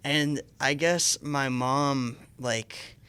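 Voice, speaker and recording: A man's voice: mid-range voice, extremely slow, bright, forceful tone, smooth. A man co-hosting a podcast, telling a story in casual chat, rambling with lots of fillers and restarts. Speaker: podcast co-host. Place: Tampa area.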